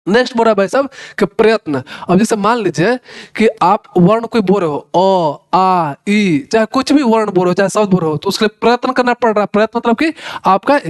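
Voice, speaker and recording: A man's voice: high-pitched, a little fast. A man teaching a casual lecture to students, sounding out letters and often checking in with "right?" as he explains. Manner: repeats "है ना" and "भाई साहब", sounds out letters; conversational, addresses students directly.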